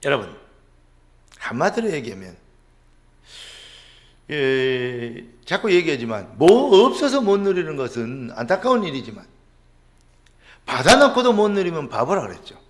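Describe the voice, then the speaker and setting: A middle-aged male pastor preaching a sermon, asking rhetorical questions and dropping suddenly to a low murmur. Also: sing-song, measured pace, pauses often.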